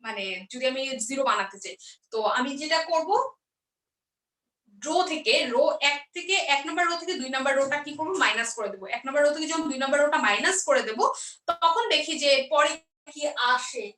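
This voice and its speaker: A woman's voice: sits high, animated, brisk, sharp tone, recorded from a distance. A woman teaching math step by step, asking questions and then answering them herself. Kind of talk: explaining a math lesson step by step. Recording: roomy echo, voice off-mic.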